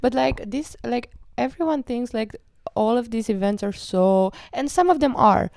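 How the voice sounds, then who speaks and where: A woman's voice: fairly high pitch, normal speed, gravelly, a little mellow, no echo, studio quality. A young woman from Romania, co-hosting a casual podcast chat, her voice still sick from a cold and full of fillers and laughs. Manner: chatty, filler-heavy, laughing often. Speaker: podcast co-host.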